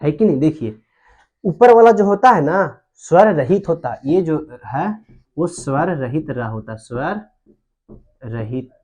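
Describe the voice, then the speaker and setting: A man's voice: on the high side, animated, unhurried, a little mellow. A man teaching Hindi grammar at a board, who repeats terms and asks his students questions. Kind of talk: whiteboard grammar lesson.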